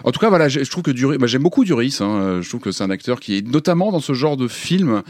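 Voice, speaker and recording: A man's voice: mid-range voice, big pitch swings, quick pace, no echo. Hesitant man chatting on a podcast. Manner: hesitant, searching for words. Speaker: podcast co-host. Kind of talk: casual chat.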